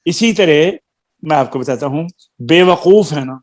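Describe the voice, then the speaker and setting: A man teaching a live Quran recitation class, explaining step by step with patient, drawn-out syllables and gentle teasing. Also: fairly high pitch, lively intonation.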